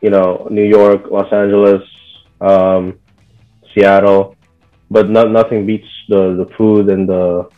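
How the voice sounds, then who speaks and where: Relaxed and full of "like" and "you know," a young man from Bahrain chats as an interview guest. His voice is on the low side, and the recording has its highs cut off.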